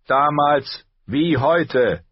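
A man voicing a grave, loyal knight commander who speaks slowly and solemnly. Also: on the high side, dry recording, dull audio, voice pushed up.

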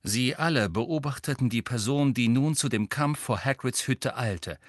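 A man narrating an audiobook in an expressive reading. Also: mid-range voice, normal speed, no room sound, studio quality. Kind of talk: scripted narration.

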